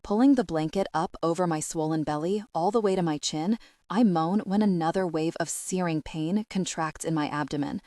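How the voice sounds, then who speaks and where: A woman's voice: lowish voice, normal speed, dark tone, dry recording. A woman narrating an audiobook in the first person, intimate and emotional, recorded on a close studio mic.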